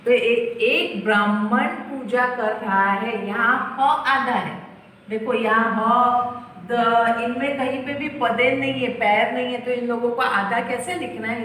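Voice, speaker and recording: Woman teacher explaining slowly and patiently, big echo, faint room noise. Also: a little high, steady tone, fairly bright tone. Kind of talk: Hindi grammar lesson. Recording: echoey room, far from the mic.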